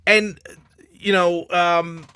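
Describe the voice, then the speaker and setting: A man's voice: sits high, steady tone, pushed and bright, clean tone. A man co-hosting a podcast, chatting casually and enthusiastically, often cutting in to agree. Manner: enthusiastic, quick to agree and interject. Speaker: podcast co-host. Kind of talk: casual chat.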